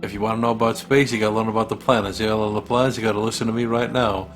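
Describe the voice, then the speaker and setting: With game music in the background, a man speaks very fast in a low-ish voice that barely moves in pitch. He's a gaming channel co-host doing a jokey let's-play, reading aloud, cursing, and slipping into silly riffs.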